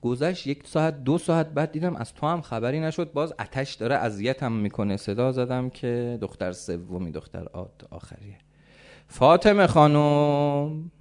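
A man preaching a sermon as a dramatic story, swinging from soft, hushed lines to loud calls. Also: mid-range voice, hardly any pauses.

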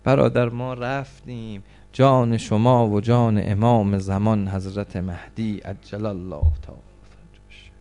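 A man's voice: on the low side, little pitch movement, mellow. A man preaching a religious mourning sermon, reciting a lament with impassioned delivery.

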